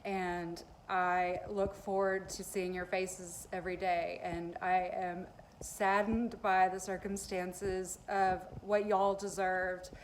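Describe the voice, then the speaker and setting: A woman teacher speaks slowly and emotionally to her graduating students. Her pitch barely moves, and a faint background hiss sits under her voice. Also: low-quality recording. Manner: slow, heartfelt, emotional. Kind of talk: recorded graduation message.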